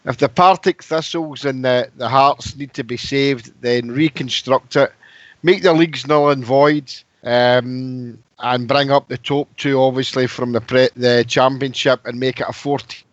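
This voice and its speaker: A man's voice: mid-range voice, fairly even intonation, unhurried, no room sound. Scottish guy on a dodgy call line, muffled and dry, keeps cutting out and coming back. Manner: chatty, restarts phrases, warm thanks. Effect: call audio keeps cutting out and dropping back in. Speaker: regular caller on a fan radio phone-in. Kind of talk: casual football chat.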